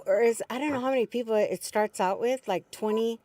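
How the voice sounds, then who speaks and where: A woman's voice: fairly high pitch, brisk, dark tone, recorded from a distance. A middle-aged woman talking casually in conversation.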